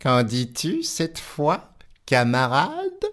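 A man voicing a boastful, cheeky little tailor in a storybook reading, with bragging, excitable exclamations. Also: medium pitch, drawn-out words, pitched above the performer's own voice, exaggerated voice. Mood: cocky.

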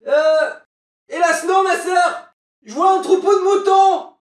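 A young sister on a lookout tower calls down in a high, ringing falsetto. She answers slowly and loudly, as if across a distance. A storybook sister on watch. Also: steady tone, reverberant. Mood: calling out. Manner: high falsetto, calling out from afar. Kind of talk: storybook reading.

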